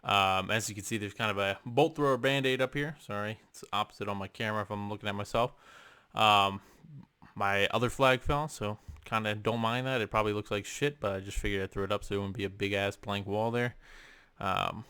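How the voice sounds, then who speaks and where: A man's voice: fairly low pitch, pushed and bright, clear, resonant tone, dry recording. A young man vlogging from his room, casually ranking albums with lots of ums and offhand swearing. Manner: rambling, many ums and uhs, casual swearing. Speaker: music vlogger. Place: home room.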